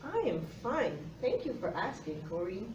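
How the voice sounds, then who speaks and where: A woman's voice: mid-range voice, sing-song, normal speed, darkish tone. A middle-aged woman presenting a phonics lesson as a teacher, encouraging and speaking directly to young children, recorded by a camera across a classroom. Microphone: far camera. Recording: roomy, faint noise, distant mic.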